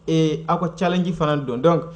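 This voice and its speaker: Lively man teaching English on TV. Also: a little high, a little fast. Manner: lively, laughing, switching between French and Bambara. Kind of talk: live TV language lesson.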